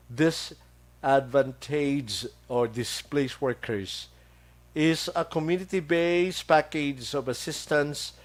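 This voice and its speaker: A man hosting a local radio show with a Hiligaynon accent, chatting casually and greeting listeners by name, halting with many fillers and chuckles. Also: a little high. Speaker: radio host. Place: radio studio.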